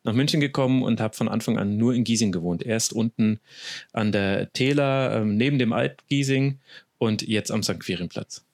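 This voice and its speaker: Franconian guy in his 30s, sports journalist guest, chatty and excited, lots of ums and restarts. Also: fairly low pitch, moderate pace, vocal fry. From Franconia, Germany. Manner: chatty, enthusiastic, many restarts and fillers. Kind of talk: casual podcast interview.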